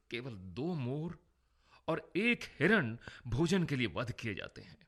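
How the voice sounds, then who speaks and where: An actor playing a remorseful, brooding Indian emperor in a Hindi radio drama, solemn and theatrical with dramatic pauses. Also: male voice, medium pitch, sharp tone, exaggerated voice. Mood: regal, measured. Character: remorseful, brooding Indian emperor, once feared for his rage.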